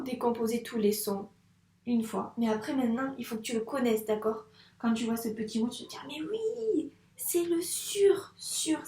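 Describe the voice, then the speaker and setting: A woman's voice: a little high, a little mellow. Patient woman teacher, roomy echo. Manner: patient, encouraging, slow and careful. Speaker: first-grade teacher. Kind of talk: reading lesson for young children.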